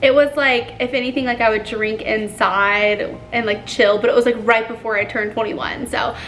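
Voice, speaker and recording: A woman's voice: on the high side, fairly even intonation, moderate pace, fairly bright tone, faint music behind. A woman in her twenties talking earnestly in a casual confessional vlog, full of "like" fillers. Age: 20s. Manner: chatty, filler-heavy with frequent "like"; earnest, apologetic. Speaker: YouTuber.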